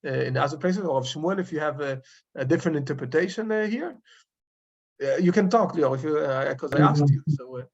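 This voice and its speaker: A male rabbi leads an informal Torah study session, his voice sitting a little high with a gravelly fry. He speaks haltingly, pausing often as he reaches for the right word. The recording sounds dull and lo-fi. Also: expressive. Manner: halting, searching for English words with frequent pauses. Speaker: rabbi teaching a Torah class. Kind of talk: informal study-group lecture.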